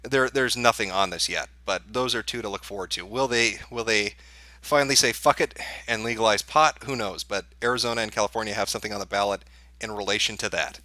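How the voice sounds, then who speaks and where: A man's voice: lowish voice, fairly even intonation, fast, sharp tone, dry recording. A man hosting a live election-night stream, chatting casually and reacting with sarcasm and profanity. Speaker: livestream host.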